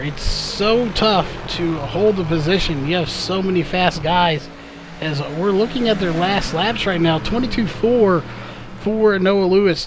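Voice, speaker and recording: A man with a high-sitting voice delivers live play-by-play race commentary over a noisy background. His speech is full of fillers and self-corrections, and his voice sounds a little worn, as if he's slightly losing it.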